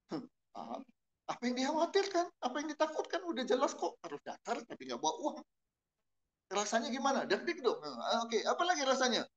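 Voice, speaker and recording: A middle-aged man preaching a sermon at a church service, telling a story and asking the congregation questions, shifting from low murmurs to loud exclamations. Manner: asks the congregation questions and answers them. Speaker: pastor.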